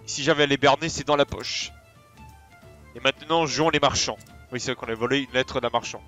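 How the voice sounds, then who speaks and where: A man giving casual, excitable commentary on a video game, rambling with slang and many fillers. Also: medium pitch, fairly quick, soft background music. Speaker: let's play host.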